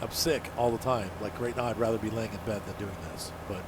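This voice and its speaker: A man's voice: fairly low pitch, fairly even intonation, a little fast. A man with a badly plugged nose, sick with allergies, giving casual, folksy, rambling commentary as a gaming channel host. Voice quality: congested, stuffed-up nose. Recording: noticeable noise behind the voice.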